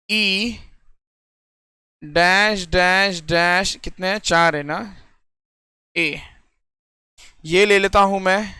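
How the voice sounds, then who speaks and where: A man's voice: sits high, sharp tone, smooth, no room sound, clean studio sound. A young man teaching a puzzle lesson in Hindi mixed with English in an Indian accent, explaining step by step and often asking if students follow. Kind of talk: classroom lecture on reasoning puzzles.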